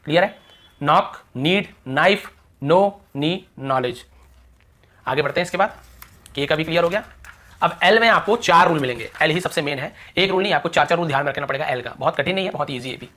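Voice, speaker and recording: A man's voice: fairly high pitch, rapid-fire, bright, forceful tone. A man teaching a lesson, repeating rules and example words over and over. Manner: repetitive, drilling examples aloud. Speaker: English teacher. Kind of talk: classroom lesson explaining rules.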